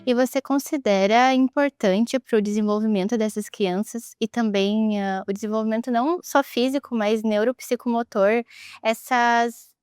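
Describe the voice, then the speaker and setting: A woman interviewer asking a long, halting question, searching for words. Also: on the high side, fairly even intonation, a little mellow, smooth, no echo, studio quality, soft background music.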